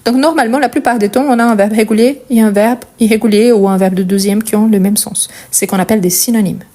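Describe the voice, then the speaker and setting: A woman's voice: on the high side, fairly even intonation, fast talker, warm tone. A woman with a Portuguese accent teaching a French conjugation lesson, explaining patiently step by step and checking in often with the learner.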